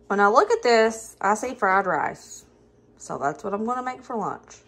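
A woman's voice: mid-range voice, animated, normal speed, fairly bright tone. A woman in her thirties with a Southern US accent, chatting casually through a home cooking vlog in her kitchen. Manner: chatty, upbeat, narrates while cooking. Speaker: vlogger.

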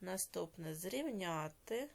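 Female teacher with a Ukrainian accent for a recorded lesson; slow, measured delivery breaking words into parts. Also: fairly low pitch, animated, creaky. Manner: slow, deliberate, spelling out word parts. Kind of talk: recorded video lesson dictation.

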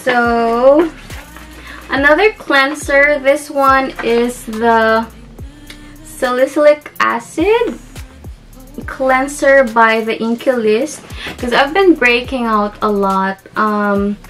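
A young Filipina beauty vlogger from the Philippines chats through a beauty haul, her fairly high, slightly bright voice moving slowly. She giggles a lot and fills her talk with ums and restarts, while soft music plays in the background.

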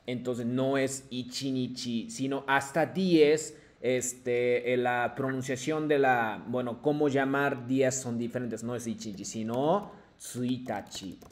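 A man's voice: medium pitch, fairly even intonation, slow pace, hardly any pauses. Patient man teaching Japanese. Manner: patient, repeats and models phrases for students. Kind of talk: online language class, mixing Spanish and Japanese.

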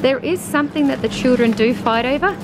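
Chatty mum in a supermarket. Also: female voice, high-pitched, fairly quick, noisy background. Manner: chatty, explains each item. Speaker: vlogger mother. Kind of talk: casual shopping vlog. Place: large supermarket indoors. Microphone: handheld camera. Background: background music.

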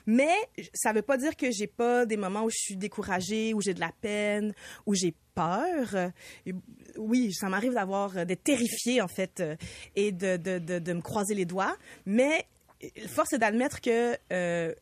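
A woman, a guest in a radio interview, speaking with many pauses, fillers and restarts. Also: medium pitch, no echo. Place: radio studio.

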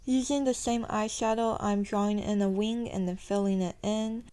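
A woman's voice: medium pitch, steady tone, normal speed, mellow, clean tone. A young woman narrating her makeup tutorial in a chatty, self-deprecating voice-over, her sentences often rising at the end. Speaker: beauty vlogger.

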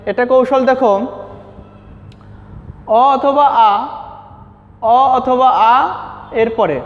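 Male teacher, high voice, steps through slides, repeats words slowly, long reverb on the track. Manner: asks questions and answers them himself, repeats words slowly. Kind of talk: classroom lesson over slides. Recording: dull reverberant recording.

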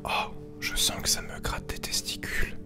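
A young man playing an overly calm relaxation guide in a soft, soothing whispered role-play for a parody ASMR video. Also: music in the background, natural voice. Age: young adult. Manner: slow, soothing, deliberately gentle. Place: small bedroom with computer desk, indoors.

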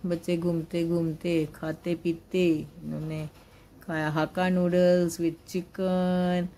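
An older woman vlogs casually about a family outing amid the bustle of an indoor mall, speaking homely into the phone she holds. The grandmother's lowish voice is mellow, slow and level, with a little hiss or hum in the audio.

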